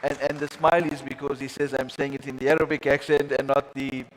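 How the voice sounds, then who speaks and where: Brief: male moderator, mid-pitched, gracious and formal, stumbles and repeats words. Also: level tone, fairly quick, a crowd in the background, background noise. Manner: stammering restarts, gracious, formal thanks. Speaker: moderator, host. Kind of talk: hosting a panel dialogue.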